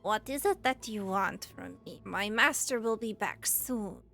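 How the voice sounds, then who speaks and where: A woman voicing a small, smug imp servant in a tabletop game, speaking in a tiny, measured, taunting voice. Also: medium pitch, vocal fry, fairly bright tone, soft background music. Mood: sly.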